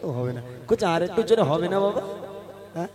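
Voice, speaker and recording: A man's voice: sits high, lively intonation, brisk. A man who sings at religious events, teasing and coaxing children from the stage in a strained voice. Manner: teasing, coaxing, loud calls. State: strained voice from long shows. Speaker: gojol singer hosting a religious event. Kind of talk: playful stage talk to children. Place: live gathering. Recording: live event, crowd noise.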